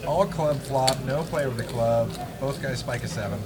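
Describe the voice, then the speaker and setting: A man's voice: mid-range voice, normal speed. A man giving casual live poker commentary as a stream host, chatty and full of slang. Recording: noisy room with loud background ambience.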